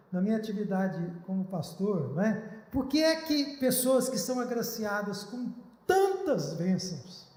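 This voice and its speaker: A man's voice: high voice, a little mellow. A male pastor preaching a sermon in an earnest, pleading way, recorded in a church. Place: church hall. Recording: echoey church hall.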